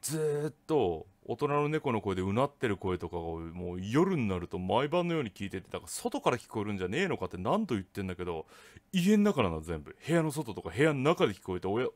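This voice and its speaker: A man telling a ghost story from his own life in a rough, casual way of talking. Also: fairly low pitch, fast talker. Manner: rough, casual speech with lively swings. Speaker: ghost story teller, channel host.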